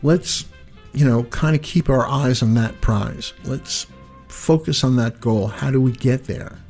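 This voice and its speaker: A man hosting a radio call-in show, giving reflective advice to listeners in measured, short phrases. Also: medium pitch, a little mellow, soft background music. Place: radio studio.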